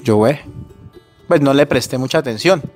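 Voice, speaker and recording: A man with a Colombian accent tells a personal story at an ordinary, mid-range pitch. He speaks casually, slips into the other people's voices for the quoted dialogue and keeps saying brother. His voice is slightly shaky with emotion, and faint music plays behind him. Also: moderate pace, darkish tone. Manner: conversational, acts out quoted dialogue, says brother often.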